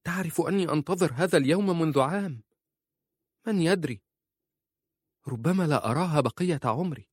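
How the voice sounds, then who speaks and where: A man voicing an anxious young wife who pleads and holds back tears, in a high voice. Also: fairly quick, long pauses, husky, no echo, clean studio sound. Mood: pleading.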